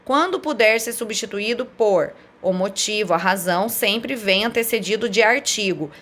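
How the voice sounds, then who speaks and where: A woman's voice: medium pitch, normal speed, fairly bright tone. A woman teaching a grammar lesson, explaining step by step and often checking with "né?". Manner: explanatory, asks and answers her own questions, frequent "né?".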